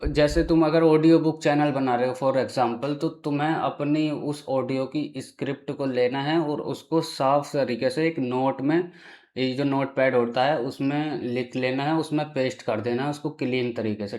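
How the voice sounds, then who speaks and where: A man hosting a casual screen-recorded tutorial, chatty and often checking in with the viewer. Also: on the high side. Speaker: tutorial host.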